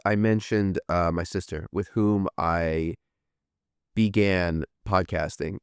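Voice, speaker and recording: A low-pitched man in his thirties from the US hosts a podcast livestream, rambling casually as he reads viewer comments aloud and swears offhand. His tone is clean. The recording has studio quality and no echo.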